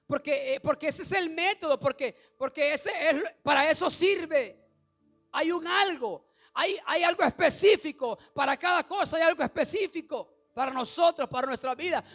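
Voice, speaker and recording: A male pastor, preaching an animated sermon that rises to shouts and puts questions to the congregation. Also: very high-pitched.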